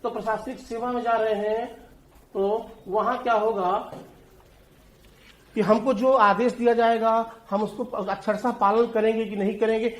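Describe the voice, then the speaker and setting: Male teacher lecturing in an echoey room. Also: high-pitched. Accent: Hindi. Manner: explains with everyday examples, addresses students directly. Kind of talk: exam-prep lecture on essay writing.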